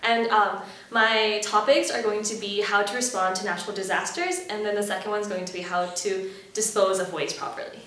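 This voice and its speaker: A woman's voice: mid-range voice, little pitch movement, fairly quick, fairly bright tone. A woman in her twenties from Malaysia, chatting upbeat in an interview about leading a committee, with fillers and restarts. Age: 20s. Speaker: head chair interviewee. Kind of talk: casual interview answers. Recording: very echoey room, voice from a distance.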